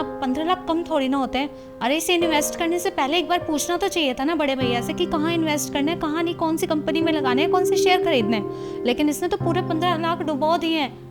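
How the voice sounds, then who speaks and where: Woman acting as a stern elder sister-in-law, high voice, scolding, music behind. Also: close to an everyday voice. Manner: scolding, self-justifying. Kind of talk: scripted family drama acting.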